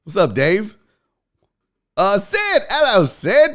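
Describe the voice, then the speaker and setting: A man's voice: high-pitched, huge pitch swings, slow, fairly bright tone. A man hosting a casual livestream, greeting viewers in slangy, buddy-like terms with blunt, profane, joking talk. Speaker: livestream host.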